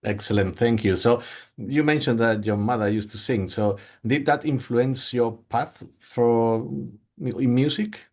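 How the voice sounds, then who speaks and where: A man's voice: mid-range voice, unhurried, few pauses, a little mellow. A man hosting an interview, asking formal, brief questions. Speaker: interview host.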